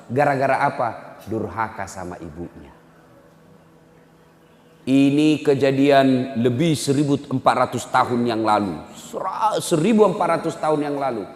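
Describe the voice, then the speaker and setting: A male preacher telling moral stories in a sermon, swinging from loud to hushed. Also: medium pitch, expressive, unhurried. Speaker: ustaz, preacher. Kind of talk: storytelling sermon. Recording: echoey hall.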